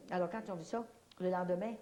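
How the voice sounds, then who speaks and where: This woman, whose accent is Québécois French, gives a spoken religious testimony before an audience at a fairly quick pace and fairly low pitch. Her storytelling is lively and folksy, peppered with small fillers.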